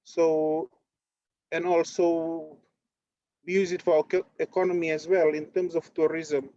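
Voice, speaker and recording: Halting man on a lo-fi call. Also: on the high side, level tone, mellow, dry recording. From Fiji. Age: 30s. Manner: halting, many fillers and restarts. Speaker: activist presenter. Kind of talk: presentation over video call. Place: on board a ship at sea.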